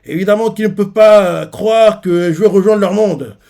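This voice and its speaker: A man voicing a giant king who shouts in fury and breaks into tears, raised well above his own voice. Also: high-pitched, normal speed, vocal fry, pitched above the performer's own voice. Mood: furious. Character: giant king, furious and remorseful.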